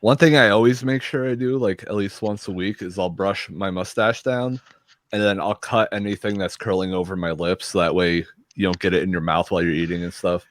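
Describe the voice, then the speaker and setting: Podcast host, male, lowish voice, dry close sound, easygoing and quick to chuckle. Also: steady tone, no room sound. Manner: laid-back, chuckles often, short back-channel replies. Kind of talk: casual chat.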